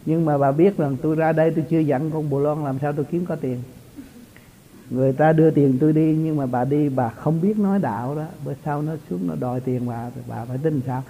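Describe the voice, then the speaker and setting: A man's voice: fairly high pitch, fairly quick. A man, a spiritual teacher giving an informal, chatty talk to his followers and chuckling often. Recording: tinny lo-fi recording.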